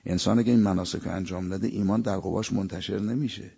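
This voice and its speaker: A man's voice: deep voice, fairly even intonation, gravelly, dark tone, husky, highs cut off. A man preaching a sermon, quoting verses in Arabic and telling anecdotes. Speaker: cleric.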